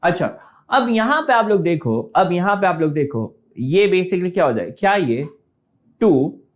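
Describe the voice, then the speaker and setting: This male maths teacher runs an online class in a high, animated voice and a measured pace. He goes step by step, blends English terms with Hindi, and repeatedly asks if everyone is following.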